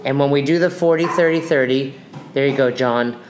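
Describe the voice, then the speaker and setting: A man's voice: medium pitch, a little fast. Male coach hosting, faint background noise. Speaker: host and nutrition coach. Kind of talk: casual instructional talk.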